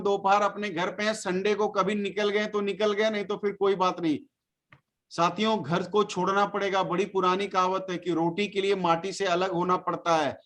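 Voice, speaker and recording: A man's voice: high-pitched, a bit bright. A man who leads a network marketing team gives a motivational speech to a meeting. He exhorts and scolds his listeners with a stream of rhetorical questions.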